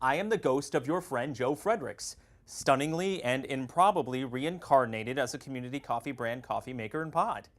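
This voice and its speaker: An actor playing a flippant, wordy dead best friend haunting a coffee pot in a comedy drama. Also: male voice, mid-range voice, moderate pace, a bit bright, lightly acted. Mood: glib, explaining. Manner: flippant, chatty, theatrically wordy. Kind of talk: comedic audio-drama dialogue.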